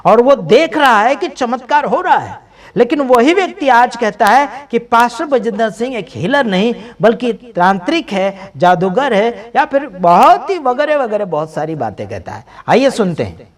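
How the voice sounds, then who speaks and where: A man's voice: very high-pitched, very animated, moderate pace. A man giving emphatic, preaching-style commentary over video clips, repeating phrases for stress. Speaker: video commentator for a healing ministry.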